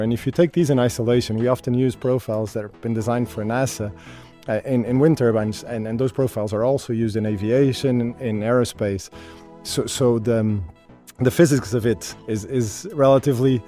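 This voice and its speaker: A man from Portugal, an industry representative, explaining in an interview in a halting way that repeats words at the start of phrases. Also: medium pitch, dark tone. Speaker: wind energy company representative.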